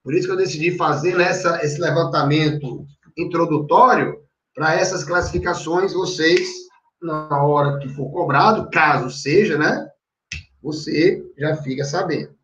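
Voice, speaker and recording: A man's voice: on the high side, normal speed, a bit bright. A man teaching grammar for exam prep, explaining step by step and constantly checking the class is following. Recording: echoey room, distant dull mic.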